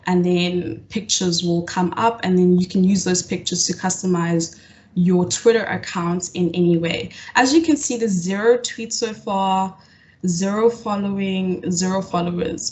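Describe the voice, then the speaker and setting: A young woman facilitating an online coding workshop over a video call, often pausing with fillers and restarting her sentences. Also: on the low side, steady tone, a little mellow. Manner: hesitant, lots of fillers and restarts. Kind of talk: live online coding tutorial.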